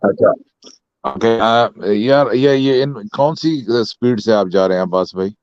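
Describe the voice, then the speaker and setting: A man joining a heated online debate as a guest, calming and lecturing, asking the others to slow down. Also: medium pitch, clear, resonant tone, no room sound, highs cut off. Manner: calming, lecturing, asks for slower talk.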